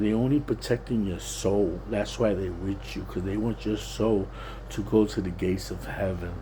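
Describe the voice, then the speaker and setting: The audio is poor, with slight background noise, carrying a man's dark voice that sits on the low side. He's a streetwise, plain-spoken Puerto Rican vlogger based in Pennsylvania, USA, whose casual monologue wanders and repeats.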